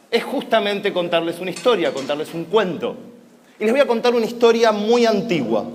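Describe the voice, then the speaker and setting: An Argentine man performing a story live on a conference stage, with a fairly high voice. He paces it dramatically, slowing down and speeding up for effect. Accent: Argentine Spanish. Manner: dramatic, expressive pacing.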